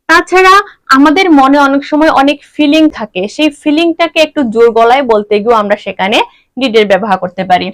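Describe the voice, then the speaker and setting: A woman's voice: sits high, no echo, poor audio. A woman giving an online English grammar lesson, explaining step by step and asking and answering her own questions.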